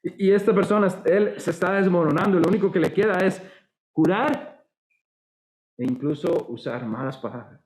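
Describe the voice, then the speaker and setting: A man's voice: high-pitched, normal speed, reverberant, rough recording. A man preaching a sermon with a Costa Rican accent, conversational and acting out the voices he quotes. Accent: Costa Rican Spanish. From Costa Rica. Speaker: pastor.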